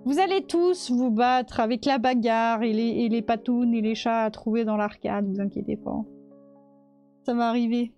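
A woman's voice: a little high, normal speed, warm tone, soft background music. A woman live streamer chatting casually with her chat while she models in 3D, laughing often.

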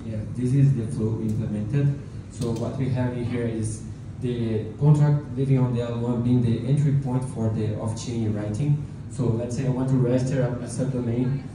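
A man in his thirties co-presenting an informal technical explanation in a lightning talk. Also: medium pitch. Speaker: conference co-presenter. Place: medium conference room, indoors. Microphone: handheld mic through PA, picked up by a distant camera. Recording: roomy, distant, noisy room recording.

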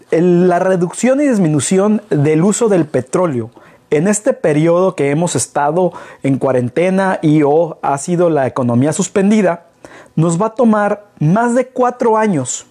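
Seated in an armchair in his living room, this middle-aged Mexican consultant explains business matters to the camera in a relaxed way, often posing rhetorical questions. He speaks at a moderate pace in an expressive, somewhat high voice with a dark tone, recorded from a far-off camera mic.

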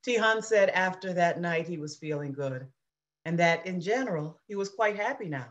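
A woman reading the part of an anxious mother recounting wartime, in an earnest, measured dramatic reading over a video call. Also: fairly low pitch, expressive, lo-fi sound, close to an everyday voice. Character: anxious middle-aged mother recounting war. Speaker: reader in a play reading.

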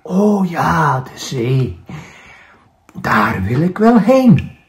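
A man's voice: fairly high pitch, very animated, very slow, full character voice. A man voicing a sleepless little man who stammers and hesitates. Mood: hesitant, dreamy.

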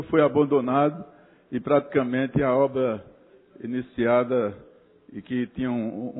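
A man, a city councilor giving a formal, critical speech to colleagues with halting restarts and Your Excellency address. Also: mid-range voice, breathy edge. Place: council chamber. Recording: reverberant chamber over a tinny narrow-band feed.

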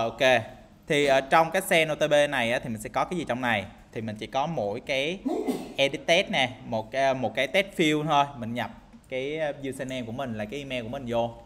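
A man's voice: medium pitch, a bit bright. A man teaching game programming in a screen-recorded tutorial, talking casually and thinking aloud with lots of fillers and tag questions. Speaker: programming instructor.

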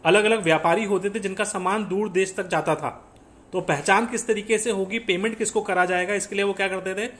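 This exam-prep teacher has a high-sitting, somewhat bright voice, a steady tone, and a fairly quick pace. Lecturing with quiz questions, he explains things one step at a time, answers his own questions, and mixes in English phrases frequently.

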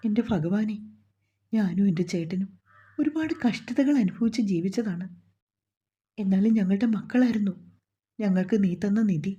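A woman's voice: mid-range voice, normal speed, pauses often, dark tone, breathy edge, lo-fi sound, close to an everyday voice. A woman voicing an anxious, loving middle-aged mother who soothes her daughter and prays in a pleading way. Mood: tearful prayer.

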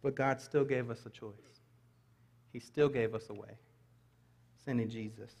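Reading scripture aloud from the pulpit of a large church, a middle-aged pastor slips in light asides to the congregation. His medium-pitched voice is slightly mellow, a little slow, and fairly even in intonation, with long reverb from the big hall.

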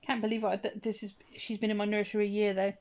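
A woman's voice: medium pitch, level tone, fast, a little mellow. A woman with heavy, audible breathing, rambling casually and murmuring to herself as she works with her hands. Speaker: hobbyist doll vlogger. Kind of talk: casual rambling chat while dressing a doll. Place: indoors at home, hands-on beside a bed. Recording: slightly dull lo-fi phone sound.

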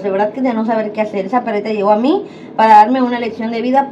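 A woman's voice: a little high, a little mellow. A woman, chatting casually to viewers in a home vlog. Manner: chatty, addresses viewers as friends. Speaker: vlogger. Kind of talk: casual vlog talk to camera. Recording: dull lo-fi sound with clear background noise.

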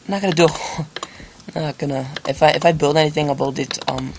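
A man's voice: fairly high pitch, fairly even intonation, fast talker. Young guy doing game commentary, rambly and self-deprecating, lots of ums, noisy mic with typing in the background. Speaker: gaming channel host. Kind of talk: casual gameplay commentary. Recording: noisy home recording with keyboard clicks. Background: keyboard clicks and typing.

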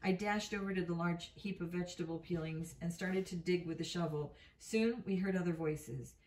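A woman's voice: lowish voice, normal speed, a little mellow. A woman reading a novel aloud in an unpolished way, with slips and self-corrections. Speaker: reader. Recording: roomy, mic at a distance.

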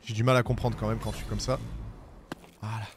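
A man streaming a video game, chatting casually with viewers and swearing, with bursts of shouting at the animals in the game. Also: on the low side, flat delivery, brisk, slight background noise. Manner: talks to his chat viewers. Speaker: streamer playing a climbing game. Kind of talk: casual gameplay commentary.

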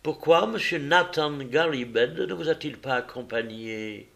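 A man voicing a calm, sharp-eyed detective who speaks in a patient, precise, polite way in an audiobook. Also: fairly high pitch, a little slow, creaky, pitched above the performer's own voice. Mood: composed.

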